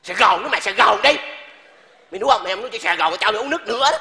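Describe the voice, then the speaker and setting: A man's voice: high-pitched, animated, racing, vocal fry, pushed and bright, full character voice. A man playing a bossy old father. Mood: mocking. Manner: bossy, barking orders, mocking. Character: stern hot-tempered old village father, male. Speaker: comedy sketch actor. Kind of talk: live stage comedy sketch. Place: large theater stage. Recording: live stage, long hall reverb, faint noise.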